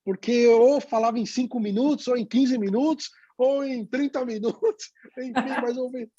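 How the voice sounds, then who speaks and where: Pastor contando testemunhos, voz aguda. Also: male voice, very high voice, steady tone, dark tone, husky, no echo, muffled recording. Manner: storytelling, acts out dialogue, pauses with "né?". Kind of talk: testimony in a youth talk.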